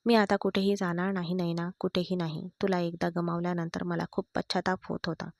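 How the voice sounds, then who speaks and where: A woman reads the part of a young husband in a storybook, pleading and stubborn. The voice stays low and level with a gravelly grain. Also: flat delivery, brisk, a little mellow.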